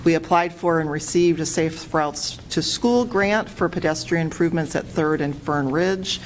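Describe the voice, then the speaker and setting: A woman's voice: sits low, normal speed, a little hiss or hum. A woman on city staff presenting a public works update at a budget meeting, hesitant and full of fillers, in a meeting room.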